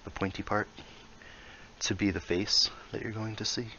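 A VR building tutorial creator casually explains his in-game construction, thinking out loud and muttering little asides. His fairly low voice is level, pushed and bright at normal speed, with highs cut off and slight background noise.

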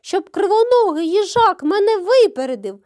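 A woman's voice: extremely high pitch, sing-song, normal speed, a little mellow, pitched above the performer's own voice. Woman doing a hasty boastful hare. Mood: impatient. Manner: impatient, exclaiming.

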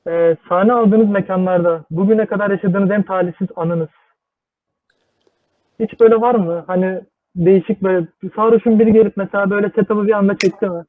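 Guy asking the questions, high voice, sounds like over a phone, dry. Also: a little fast, no echo. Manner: relaxed, calls the guest "abi". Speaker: interviewer. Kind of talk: casual interview. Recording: tinny phone-like dry line.

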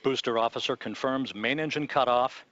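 This man provides live commentary on a launch from mission control, steady and calm like a seasoned announcer. He has a mid-range voice, heard through lo-fi sound.

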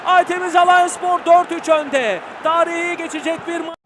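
A man doing live football commentary, excited and swelling into loud goal calls. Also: very high-pitched, normal speed. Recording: noisy stadium broadcast with crowd.

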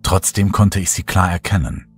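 A man reading a horror story aloud as a narrator, in a slow, hushed and dramatic style. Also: sits low, animated, vocal fry, husky. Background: faint music.

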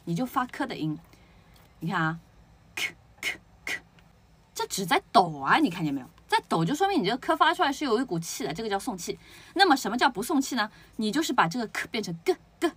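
A woman's voice: mid-range voice, a bit bright, slightly rough. A woman teaching a pronunciation lesson, explaining step by step, asking rhetorical questions and drilling words aloud. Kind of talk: spoken lesson.

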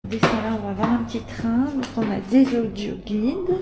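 A woman's voice: a little high, moderate pace. A woman in her fifties chatting casually while filming a visit for her travel vlog on a handheld camera. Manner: chatty, spontaneous, filming as she walks. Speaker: travel vlogger. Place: outdoors and inside a tourist site. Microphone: handheld action camera. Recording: clear background noise from the surroundings.

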